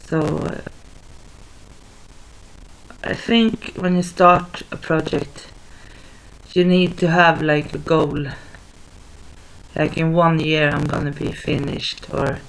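A young woman whose first language is Swedish vlogs casually to her webcam from a small living room at home, the camera at desk distance. Her low voice is slow, halting and monotone with a gravelly fry, full of fillers and restarts, and the recording sounds rough.

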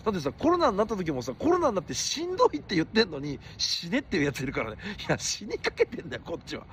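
Lively-pitched man rambling on a livestream. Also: rapid-fire, a little hiss or hum. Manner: rambling, shifts between polite and blunt speech. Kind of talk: casual livestream talk.

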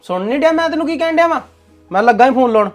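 A man's voice: very high voice, expressive, very fast, soft background music. A young man with a Punjabi accent acting a bossy, commanding husband in a domestic drama. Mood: stern.

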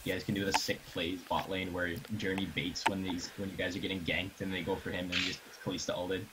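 A young man with a very deep voice rattling off quick game advice to his team. He talks fast and eagerly over a noisy voice chat line. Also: flat delivery. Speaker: gamer on voice chat.

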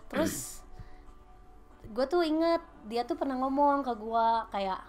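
A woman in her late twenties with a Sundanese-tinged Indonesian accent tells her story as a podcast guest, lively and chatty, slipping in English phrases. Her voice sits a little high, with faint music underneath. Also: slow. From Bandung, Indonesia. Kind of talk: casual storytelling chat.

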